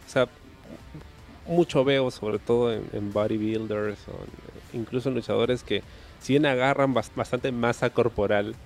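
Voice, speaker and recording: Male interviewer, gravelly voice, easygoing questions, faint music under. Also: mid-range voice, moderate pace. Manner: relaxed questions, often tagging "¿no?". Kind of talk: casual interview.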